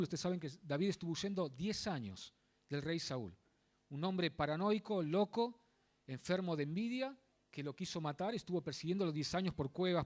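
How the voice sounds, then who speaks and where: Lively high-voiced male preacher. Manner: expository, repeatedly stressing key words, asides to the congregation. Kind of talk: sermon. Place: church.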